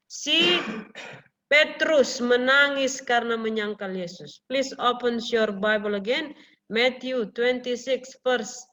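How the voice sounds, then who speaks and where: A woman's voice: sits high, pushed and bright. A woman teacher, explaining a lesson and questioning pupils in an online class.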